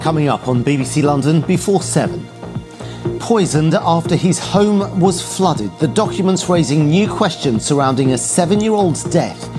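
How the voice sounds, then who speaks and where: A man's voice: a little high, expressive, moderate pace, music in the background. A man presenting scripted regional television news as the anchor.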